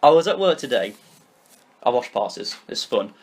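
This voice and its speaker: A young man from Britain co-hosting a football podcast, telling stories in an animated, rapid way full of restarts. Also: medium pitch, husky. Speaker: podcast co-host. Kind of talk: casual chat.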